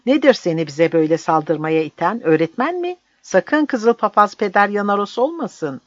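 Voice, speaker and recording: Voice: mid-range voice, expressive, moderate pace, dry recording, lo-fi sound, pitched above the performer's own voice, natural voice. A reader voicing an angry, proud old village landowner who snaps at the villagers. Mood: furious. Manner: scornful, snapping.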